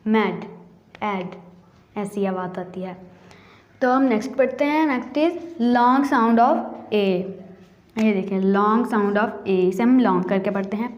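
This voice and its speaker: A woman's voice: a little high, a little mellow, reverberant. A woman teaching young children English phonics in Hindi, saying each word over and over and stretching out its vowel sounds. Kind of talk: phonics lesson for kids.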